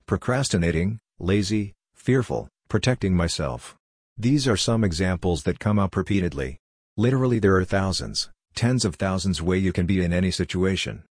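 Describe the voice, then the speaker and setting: A man with a low voice speaks as a life coach in a reflective self-help monologue, earnest and direct, talking straight to the listener. The studio-quality recording has no room sound.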